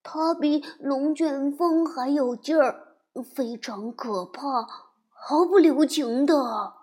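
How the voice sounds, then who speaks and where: A woman's voice: high-pitched, slow, darkish tone. A woman voicing a fretful little male piglet in a storybook reading, who hesitates and stammers. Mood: hesitant. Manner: hesitant, full of "uh"s.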